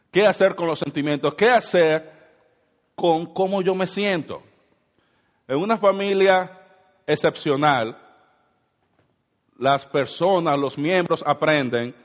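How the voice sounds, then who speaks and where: A man's voice: mid-range voice, long reverb tail. A man in his thirties preaching a sermon as pastor, asking the congregation rhetorical questions.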